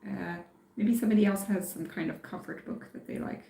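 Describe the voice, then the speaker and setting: A woman who grew up in France, chatting casually on a live stream and thinking aloud with many pauses and fillers. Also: mid-range voice, creaky, mellow. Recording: echoey room.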